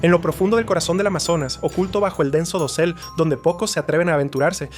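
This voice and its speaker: A man narrating a scripted nature documentary in a dramatic, suspense-building storytelling manner. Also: fairly high pitch.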